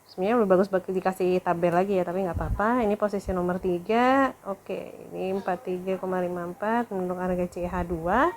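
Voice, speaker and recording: A woman's voice: on the low side, steady tone, a little fast, slight background noise. A woman lecturer talking through a recorded lesson, thinking aloud with fillers and corrections.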